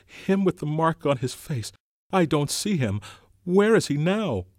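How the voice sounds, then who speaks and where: A man voicing a fretful, indignant schoolboy who pleads in rough dialect grammar. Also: mid-range voice, sing-song, normal speed, no room sound, clean studio sound, voice pushed up. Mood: panicked. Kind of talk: audiobook character voice.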